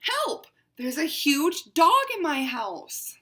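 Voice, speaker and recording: In a sing-song, heavily acted style, a woman reads a picture book aloud as a haughty, pampered house cat, fussy and exclaiming dramatically. She takes it slowly, her mid-range voice a bit bright, as a female-ish narrator.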